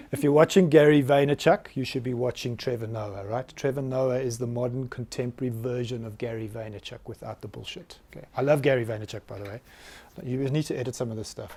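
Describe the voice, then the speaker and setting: Addressing a roomful of people in a meeting room, this South African man in his late forties delivers a live talk as a business founder. He speaks at a medium pitch, lively and frank, often poking fun at himself.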